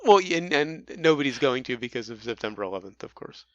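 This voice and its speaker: A man's voice: mid-range voice, lively intonation, a little fast, fairly bright tone, dry recording, muffled recording. A man co-hosting a casual movie review podcast, chatty and prone to stumbling over his words. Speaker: podcast co-host.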